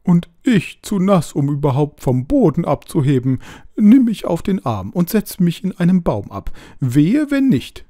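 A man voicing an indignant, bossy owl with a hoarse voice in a storybook reading. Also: on the high side, sing-song, unhurried, warm tone, dry recording, studio quality, pitched above the performer's own voice. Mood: bossy, frantic. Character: furious, soaked, selfish owl. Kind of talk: audiobook character voice.

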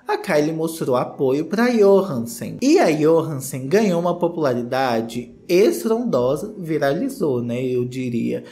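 A man's voice: a little high, a little mellow. A man in his thirties with a Brazilian accent, giving casual gossip commentary in a sassy, theatrical, slangy way. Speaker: commentary video host. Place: small indoor home studio.

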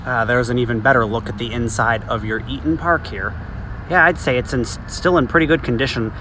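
Filmed on a phone camera at arm's length, this man in his thirties explores an empty restaurant from outside, then tastes food inside a diner, giving a casual walkthrough and food review. He's easygoing and chatty, dropping plenty of ums. His pitch is medium, intonation fairly even, pace a little fast, and background noise is present.

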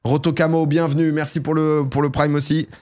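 This brisk live-stream chat comes from a young man whose throat is sore. He's casual and excitable, breaking into loud, high-pitched bursts.

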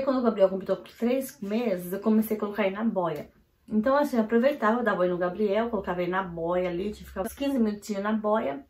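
A woman from Brazil, vlogging at home and telling a family story in a hurried, animated way, full of "então, assim" fillers. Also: mid-range voice. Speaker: vlogger and mother. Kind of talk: casual storytelling to camera. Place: at home, indoors. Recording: roomy echo of a home room.

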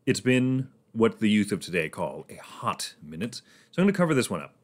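A man's voice: fairly low pitch, very animated, fairly quick. A man casually talking through his moves in a board game on a livestream, rambling and laughing often.

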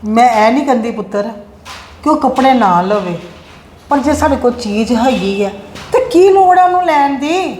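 Actress as a strict mother, lecturing and exasperated, fairly high voice, echoey room, faint hiss. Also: lively intonation, moderate pace, darkish tone, natural voice. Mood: pleading. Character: strict frugal mother of two sons. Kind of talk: family drama acting.

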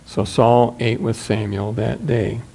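Older pastor with a mellow, warm voice. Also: male voice, mid-range voice, little pitch movement, gravelly. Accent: American Midwest. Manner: measured, reads scripture aloud from a booklet. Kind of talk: sermon. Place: small church sanctuary.

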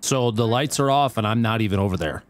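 A man's voice: lowish voice, fast. A male streamer in casual game chat, defending himself with jokes. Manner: defensive, joking.

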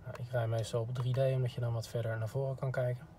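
A man acting as a car product expert gives a polite, informal instructional demo from inside a parked car. His voice is medium-pitched and dark, with little pitch movement and a fast delivery, and the background is clean.

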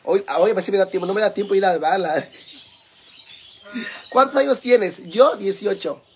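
Mexican man, campy cooking streamer, high voice, teasing and crude with viewers. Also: fairly even intonation, quick pace, darkish tone, slight background noise. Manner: campy, teasing, foul-mouthed banter with viewers. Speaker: livestream cooking host. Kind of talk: casual cooking livestream chat.

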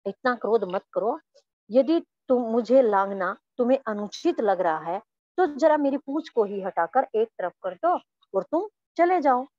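A woman voicing an old, weak male monkey who gently pleads to be left alone as she reads a story lesson aloud. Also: medium pitch, lively intonation, a little slow, muffled recording. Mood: pleading. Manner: soft, plaintive storytelling voice.

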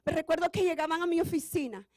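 A woman pastor preaching a sermon with passion, often building to shouts. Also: extremely high pitch, fast, dry recording. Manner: impassioned preaching that rises to shouts.

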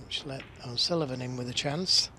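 A man's voice: medium pitch, a little fast, pushed and bright, a little hiss or hum. A man giving analytical snooker commentary during a match.

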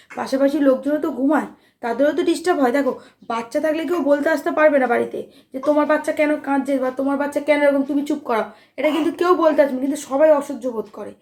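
Fast-talking, high-voiced sleepy young mother. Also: a little mellow. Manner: chatty and fretful, rambling with restarts. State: sleep-deprived. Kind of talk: casual home vlog chat.

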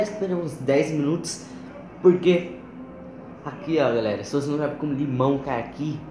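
A man's voice: on the high side, a little mellow. A teenage boy with a Brazilian accent chats casually and slangily to the camera as he hosts a challenge video, often repeating himself. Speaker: video blogger hosting a challenge. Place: small tiled home kitchen, indoors. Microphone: phone camera at about arm's length. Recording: echoey tiled kitchen, clearly noisy phone audio.

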